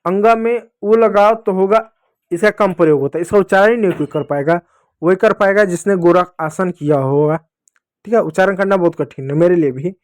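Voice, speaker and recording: Male teacher for small kids, high-pitched, slow repeated sounds, dry room. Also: no echo. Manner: slow drawn-out syllables for children to repeat; addresses children fondly, repeating sounds. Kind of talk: children's Hindi lesson.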